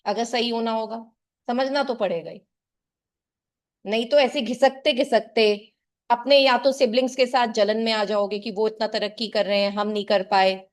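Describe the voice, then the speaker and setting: A middle-aged woman teacher speaks to her students in an earnest, lecturing way. She gives them firm advice about life and calls them "child." Her voice sits a little high for a woman. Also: steady tone, moderate pace. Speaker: tuition teacher. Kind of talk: motivational talk to a class.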